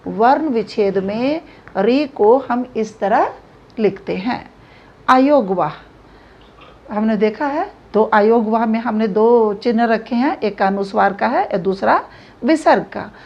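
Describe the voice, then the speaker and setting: Woman teacher going through grammar real slow, gravelly voice, kinda higher pitched, muffled lo-fi sound. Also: lively intonation. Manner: slow, explanatory, repeats examples aloud. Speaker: Hindi teacher. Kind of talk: classroom grammar lesson. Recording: dull lo-fi recording.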